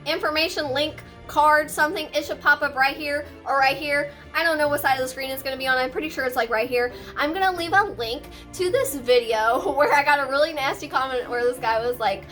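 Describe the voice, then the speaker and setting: A high-pitched woman hosts a casual haul vlog with hyped, announcer-like gushing. She is playful and sassy, rambling to her viewers over background music. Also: fairly quick, hardly any pauses, bright, forceful tone. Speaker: host of a personal video channel. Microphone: on camera with ring light.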